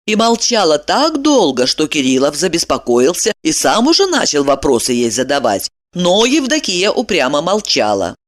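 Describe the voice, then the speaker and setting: A woman narrating a novel aloud, reading with lively, strongly varied intonation. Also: lowish voice. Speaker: audiobook narrator.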